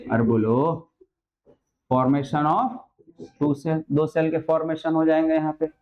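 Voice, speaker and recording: A man's voice: on the high side, fairly even intonation, takes it slowly, phone-quality sound. A male biology teacher giving a classroom lecture, coaxing and constantly quizzing his students with questions. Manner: calls students "beta" and "mere lal".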